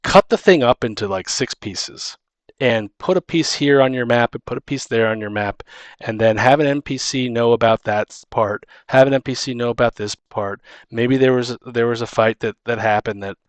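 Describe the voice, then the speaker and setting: A man hosts a casual tabletop gaming podcast, offering advice as a dungeon master while rambling and restarting his phrases. His voice is mid-range at a moderate pace, with no echo.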